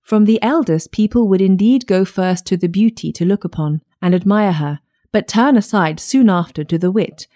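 A woman narrating a fairytale audiobook in a measured storytelling manner. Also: mid-range voice, dark tone.

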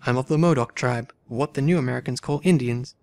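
A man voicing a composed, frank woman in a text adventure game, read calmly and plainly. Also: mid-range voice, brisk, gravelly, lightly acted. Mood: earnest.

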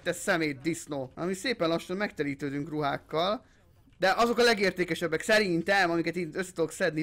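This young man commentates his gameplay with a high voice, hyping himself up and dropping curses. He throws English gamer phrases into his talk and gets loud in fights. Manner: excitable, swearing, hyped-up shouting. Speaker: gaming channel host. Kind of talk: let's play commentary.

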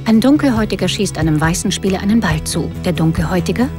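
A woman with a fairly low voice reads audio description in a calm, even, matter-of-fact way. She is recorded close on a studio voice-over mic, with music playing underneath. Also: fast. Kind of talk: scripted audio description narration.

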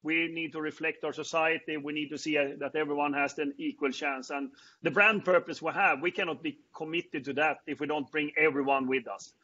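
A middle-aged man with a Swedish accent, hosting a panel on a video call and speaking haltingly with many fillers and restarts. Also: fairly high pitch, steady tone, pushed and bright. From Sweden. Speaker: panel host. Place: indoors before a branded backdrop. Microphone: earbuds on a video call. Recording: dull lo-fi video-call audio.

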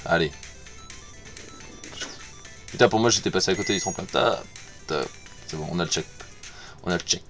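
A man's voice: low-pitched, moderate pace, long pauses, a bit bright, faint music behind. A man gives casual commentary over his gameplay, muttering to himself, repeating words and swearing when he fails. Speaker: gamer playing on stream.

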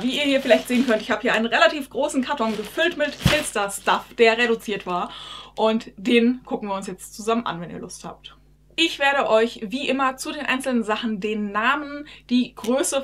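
A woman's voice: on the high side, fairly bright tone. A woman chatting casually to her viewers in a haul vlog, recorded in her bedroom. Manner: chatty, addresses viewers directly. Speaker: YouTube vlogger.

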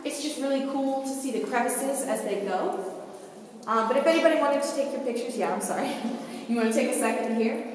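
A woman's voice: sits high, brisk, a little hiss or hum. A woman giving a casual, chatty guided tour inside a cave, recorded from a distance with a strong cave echo. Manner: casual, chatty, frequent fillers. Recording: echoey cave from far off.

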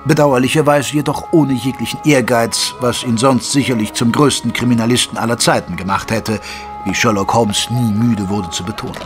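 An actor playing a gentleman doctor who narrates a German detective radio play in a measured, formal storytelling manner. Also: medium pitch, fairly even intonation, over music, close to an everyday voice. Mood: composed, descriptive. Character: gentleman doctor recounting his detective friend's cases. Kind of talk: scripted first-person radio play narration.

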